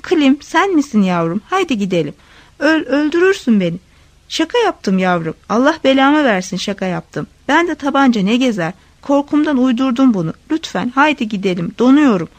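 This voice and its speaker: A woman's voice: high voice, big pitch swings, moderate pace, no echo, pitched above the performer's own voice. A woman voicing a timid, cowardly male official in a read-aloud story, who blusters and then pleads. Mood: pleading.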